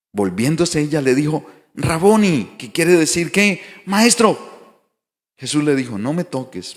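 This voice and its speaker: A man's voice: mid-range voice, long reverb tail. A male pastor preaching a sermon, building emphatic declarations and asking the congregation rhetorical questions. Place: church sanctuary.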